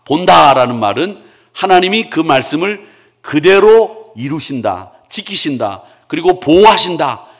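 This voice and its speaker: Animated male pastor quizzing his congregation. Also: mid-range voice. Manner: conversational, quizzes the congregation and has them repeat words. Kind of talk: Wednesday sermon. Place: church sanctuary.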